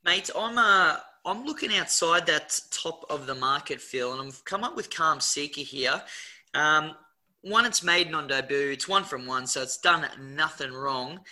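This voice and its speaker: A man's voice: fairly high pitch, expressive, unhurried, sharp tone. An Australian man co-hosting a horse racing preview as a tipster, chatting casually in a blokey, slangy way.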